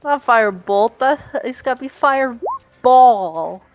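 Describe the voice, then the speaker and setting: Young female player, slow unhurried delivery, short teasing jabs. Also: high-pitched, lively intonation, muffled recording, music in the background. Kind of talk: casual tabletop play over voice chat.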